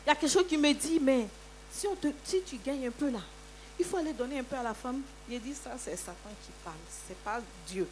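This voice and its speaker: A woman giving a lively church testimony, telling her story with many hallelujahs. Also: high-pitched, fairly quick, slight background noise.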